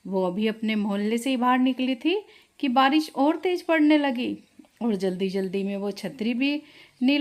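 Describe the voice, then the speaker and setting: A woman narrating a scripted family storybook tale in a steady, even manner. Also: fairly high pitch.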